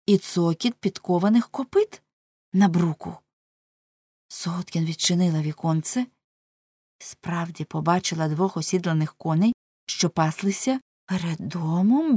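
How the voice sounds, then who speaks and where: A woman reading a story aloud as an audiobook narrator, expressive and dramatic. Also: medium pitch, breathy edge, dry recording, studio quality. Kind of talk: scripted narration.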